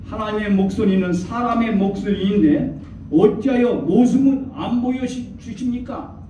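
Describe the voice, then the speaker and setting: A woman's voice: medium pitch, a little slow, warm tone, a little hiss or hum, pitched above the performer's own voice, lightly acted. A male preacher voicing old grandmothers with a Gyeongsang accent, pleading in prayer. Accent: Gyeongsang dialect. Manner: pleading, insistent. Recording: echoey hall from far off, dull.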